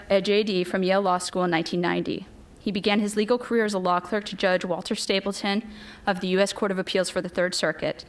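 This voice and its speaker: A woman hosting a formal event, reading scripted biographical introductions aloud. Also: mid-range voice. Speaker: event host introducing judges.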